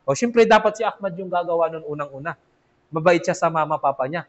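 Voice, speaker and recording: Imam teaching a weekly class, high voice, conversational, keeps asking listeners to agree, muffled lo-fi sound. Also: male voice, steady tone, a little fast. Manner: conversational, asks "di ba?" often, acts out children's replies. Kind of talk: casual Islamic lesson. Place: mosque classroom. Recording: dull lo-fi recording.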